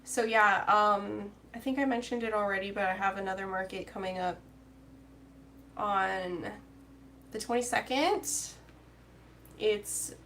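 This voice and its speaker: Woman, mid-pitch, casual crafting vlogger; rambling, filler-heavy chat, faint hiss behind. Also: measured pace, long pauses, fairly bright tone. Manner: chatty and rambling, reading out viewer comments, many fillers. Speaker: crochet vlogger chatting with live viewers. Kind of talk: casual crochet-along chat.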